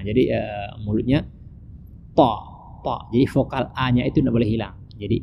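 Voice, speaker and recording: A man with an Acehnese accent teaching Quran recitation patiently, repeating each verse slowly. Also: mid-range voice. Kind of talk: slow recitation lesson. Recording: dull lo-fi recording with clear background noise.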